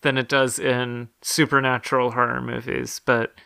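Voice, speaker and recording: A man's voice: medium pitch, flat delivery, moderate pace, creaky, bright, forceful tone, smooth, dry recording, studio quality. A man co-hosting a podcast, chatting casually about a horror film with many fillers and restarts. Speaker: podcast co-host.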